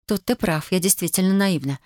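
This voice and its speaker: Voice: medium pitch, darkish tone, dry recording, studio quality, lightly acted. A narrator voicing an earnest, proud young woman who pleads and argues in an audiobook reading. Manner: pleading, earnest, quick when upset. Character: young woman, tender but proud and hurt.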